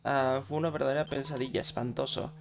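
Guy reading out a grateful freed woman, slow, gravelly, spanish with fake galician bits. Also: medium pitch, voice pushed up, lightly acted. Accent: Spain Spanish with a clumsy attempt at Galician. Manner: slow, flat game-dialogue reading with Galician words. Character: grateful young woman freed from monster curse.

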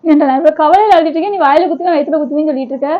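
A woman's voice: high-pitched, dull audio. A young woman at home pulling a fake crying prank, whining and repeating herself between put-on sobs. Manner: whiny, drawn-out fake sobbing, repeats herself. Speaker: vlogger wife pulling a prank. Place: home, indoors.

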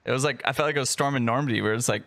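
A man's voice: mid-range voice, rapid-fire, a bit bright, dry recording. A man at a home setup calls out enemies in short bursts over team chat. His voice sits in the middle range, casual and profane. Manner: terse callouts, swears, cheers at wins. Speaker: streamer playing a shooter with friends.

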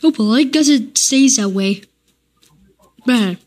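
A woman's voice: fairly high pitch, animated, slow, a little mellow. A woman giving childlike, step-by-step narration of a simple cooking demonstration. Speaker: cooking video creator. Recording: noisy homemade video.

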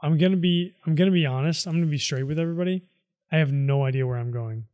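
A man's voice: fairly high pitch, fast talker, darkish tone, dry recording, studio quality. A tired man mumbling casual commentary to himself as he plays a video game. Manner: mutters reactions to himself. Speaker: let's play host.

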